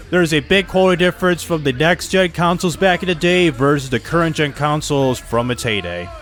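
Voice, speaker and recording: A man's voice: a little high, fairly quick, a bit bright. A man casually commenting over a racing game, rambling with joking asides. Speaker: gameplay commentator.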